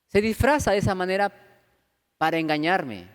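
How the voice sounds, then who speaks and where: A man's voice: high voice, animated, normal speed, clean tone. A man preaching a conversational sermon as pastor, peppering the congregation with rhetorical questions and acting out the voices of churchgoers. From Peru. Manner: acts out quoted voices of churchgoers. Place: church hall. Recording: reverberant church hall.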